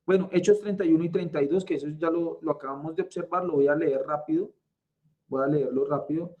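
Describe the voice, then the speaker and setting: A man tutoring a Bible class, teaching slowly and deliberately, repeating key points and checking in with his students. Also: on the high side, muffled recording. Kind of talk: online Bible lesson.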